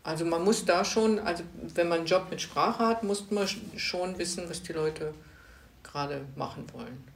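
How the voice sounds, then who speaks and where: A woman co-hosting a casual talk show, chatting in quick asides. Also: on the low side, gravelly, a little hiss or hum. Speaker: podcast co-host. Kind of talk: casual chat. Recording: echoey room.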